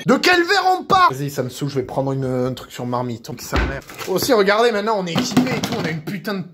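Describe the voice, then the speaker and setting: A man's voice: a little high, steady tone, fast talker, heavy background noise. A young man filming a chaotic cooking vlog in his home kitchen, rambling, swearing constantly and mocking himself as he improvises a recipe. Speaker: cooking vlogger.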